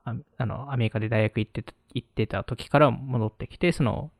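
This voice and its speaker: A man's voice: mid-range voice, fairly quick, dry recording, studio quality. A man who is stronger in English than Japanese, chatting as a podcast co-host in very polite, formal phrasing with a hesitant delivery. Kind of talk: casual chat in polite Japanese.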